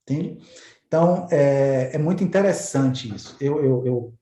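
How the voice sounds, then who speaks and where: A man's voice: medium pitch, a little slow, warm tone. A man hosting a talk, explaining ideas in a casual, conversational way and illustrating them with little stories, often repeating words as he searches for them. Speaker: host explaining neuro-linguistic programming. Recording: roomy echoey recording.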